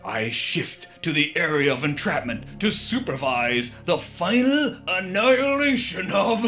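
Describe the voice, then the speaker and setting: A man playing a grandiose, gloating supervillain mastermind in a cartoon, speaking pompously and deliberately over music. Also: on the high side, lively intonation, sharp tone. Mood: smug, menacing. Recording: music behind the voice.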